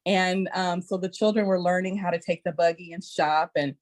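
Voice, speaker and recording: Animated woman telling a classroom story. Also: on the low side, normal speed. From Texas. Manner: lively, acts out kids' voices with squeals. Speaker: early childhood educator guest. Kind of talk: animated storytelling in podcast chat.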